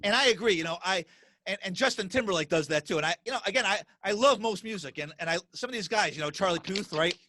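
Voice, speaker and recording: Animated middle-aged podcast host, brisk rapid talker, bright tense voice, dry close sound. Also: male voice, high voice, no echo. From US Northeast. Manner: animated, talks fast, many restarts and repeated words. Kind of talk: casual interview chat.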